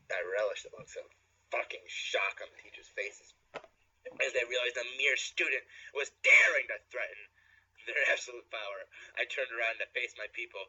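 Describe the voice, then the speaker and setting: A man doing a deadpan, sardonic mock-dramatic fanfiction reading, recorded lo-fi. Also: lowish voice, slightly rough. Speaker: comedic fanfiction reader. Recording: lo-fi, dull sound.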